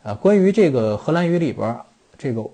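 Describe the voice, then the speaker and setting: Gravelly, husky man musing on football. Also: medium pitch, sing-song, brisk, mellow. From China. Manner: rambling, full of "uh" fillers and restarts. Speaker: football podcast host. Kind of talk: casual explanatory monologue.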